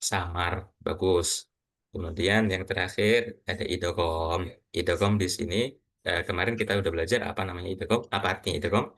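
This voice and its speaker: A man teaching Quran reading to a class, quizzing students and slowly reciting example words. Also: low-pitched, steady tone, fairly bright tone. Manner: patient, asks students questions, models recitation slowly.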